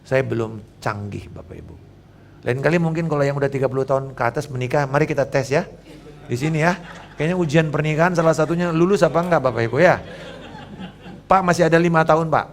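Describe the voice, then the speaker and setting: Man, 50s, pastor, sermon, mid pitch, lively, jokes with the congregation. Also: quick pace.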